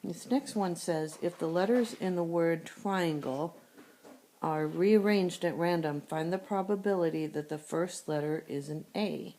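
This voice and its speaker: A math teacher with a sore throat walks through problems one step at a time in a screencast lesson. Her voice sits low and mellow. A faint hiss runs under it. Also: unhurried. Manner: steady step-by-step explaining, thinking aloud. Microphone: tablet screencast recording.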